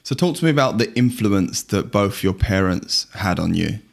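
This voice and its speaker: A man's voice: on the low side, lively intonation, normal speed, gravelly. A man hosting a podcast, asking his guest questions in a friendly, conversational way. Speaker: podcast host. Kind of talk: podcast interview and scripted intro.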